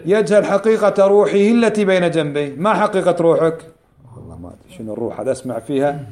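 A man teaching a religious lesson, repeating key phrases slowly and quizzing his class. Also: fairly high pitch, animated, darkish tone. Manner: quizzes the class with quick questions.

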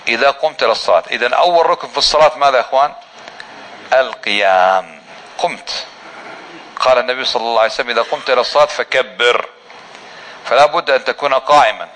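A man teaching a religious lesson on prayer, asking his listeners questions and answering them himself, and slowly drawing out the phrases he demonstrates. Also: a little high, bright, forceful tone, slight background noise, rough recording. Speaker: Islamic teacher.

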